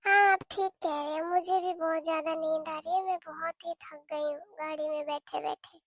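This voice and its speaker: A woman's voice: very high voice, fairly even intonation, normal speed, no room sound. A woman voicing a newly married young stepmother who complains and scolds, in a cartoon. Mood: sweet. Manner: complaining, reproachful.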